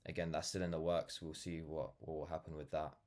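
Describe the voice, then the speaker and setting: A man's voice: extremely low pitch, little pitch movement, brisk, a little mellow. A nineteen-year-old man with a London accent talking casually and reflectively to camera, earnest and rambling, often saying "like" and "you know". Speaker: vlogger, brand founder.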